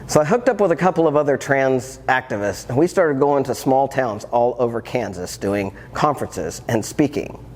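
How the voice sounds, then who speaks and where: Lively-voiced man in his fifties. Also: medium pitch, moderate pace, few pauses, slight background noise. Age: 50s. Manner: earnest, reflective, with wry humor. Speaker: transformational coach and speaker. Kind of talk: personal storytelling talk. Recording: long hall reverb, faint ambience.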